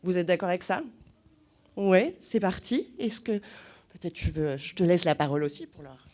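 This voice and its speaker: A woman hosting a film screening for young children, asking them questions in a lively way. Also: lowish voice, normal speed. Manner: animated, asks the children questions. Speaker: cinema host presenting a screening to children. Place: cinema hall.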